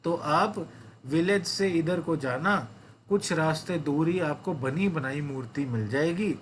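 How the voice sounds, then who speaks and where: A man playing a calm, generous traveling sculptor who speaks to villagers in a friendly, reassuring way. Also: fairly high pitch, measured pace, a little hiss or hum, natural voice.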